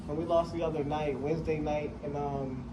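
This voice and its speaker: A man's voice: steady tone, brisk. Slangy man talking sports over heavy noise. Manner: slangy, emphatic fan talk peppered with "bro". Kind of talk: casual sports chat. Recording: very noisy, vehicle-like background rumble.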